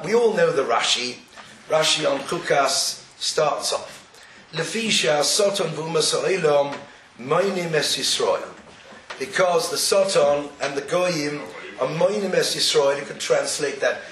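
Croaky guy giving a torah lecture, explains stuff carefully w hebrew quotes, roomy echo, kinda far from mic. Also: on the high side, fairly bright tone. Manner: deliberate, explanatory, with Hebrew quotations. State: croaky, getting over an illness. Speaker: religious lecturer. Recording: roomy, distant, noisy recording with clicks.

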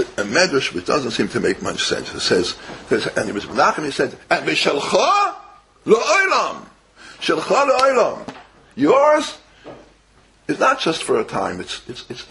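An older man with a medium-pitched, creaky, slightly bright voice speaks as a rabbi in an informal religious lecture, with a little hiss or hum in the background. He tells stories, quotes Hebrew, repeats phrases and answers his own questions.

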